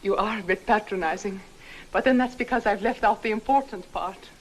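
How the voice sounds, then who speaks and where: An actress in her twenties playing a forward young Swedish visitor, with a Swedish accent and a soft, teasing manner, in 1960s film acting. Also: medium pitch, fairly quick, slight background noise, natural voice, poor audio. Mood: coy. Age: 20s.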